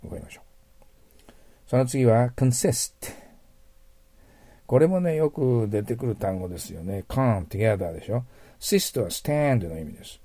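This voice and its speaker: A man's voice: medium pitch, lively intonation, measured pace, warm tone, no room sound. A man teaching English vocabulary in a patient lecture, explaining word roots and checking in with his students as he goes. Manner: patient, repeats words, checks in with "ne" and "hai".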